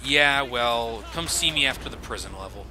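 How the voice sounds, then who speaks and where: A man with a mid-range voice narrates his own gameplay as a let's play commentator, sarcastic and casual, swearing freely. His intonation is lively and his pace moderate, with game noise running underneath.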